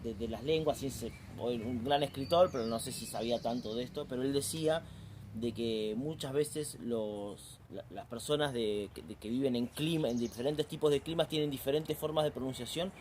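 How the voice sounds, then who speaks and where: A man's voice: mid-range voice, moderate pace, a little mellow, a little hiss or hum. A man from southern Argentina with an Argentine accent, interviewing a guest in casual talk and building his points hesitantly. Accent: Argentine Spanish. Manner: hesitant, with restarts and fillers while building a point.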